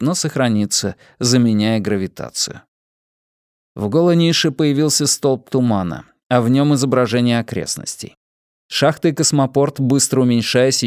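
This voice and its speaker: A man's voice: medium pitch, a little mellow, clean tone, no room sound. Male audiobook narrator, dry sound. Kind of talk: scripted narration of a novel.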